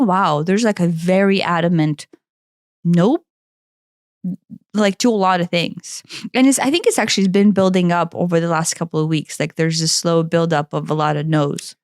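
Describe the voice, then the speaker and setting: A woman's voice: lowish voice, a little fast, few pauses, no room sound. Woman podcaster rambling casually, lots of "like"s, dry close sound. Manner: animated, filler-heavy, mimics voices in quotes. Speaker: podcast co-host. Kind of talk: casual spiritual chat.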